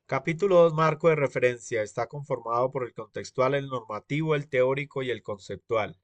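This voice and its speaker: A man presents his part of a graduate thesis in a formal, measured way. His voice is mid-pitched, and the recording is close and dry. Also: dry recording. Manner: measured, reads out structured points. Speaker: master's degree candidate presenting his thesis.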